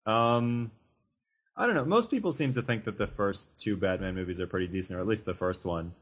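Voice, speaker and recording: A man in casual chat as a podcast co-host, measured and hedging. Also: on the low side, lively intonation.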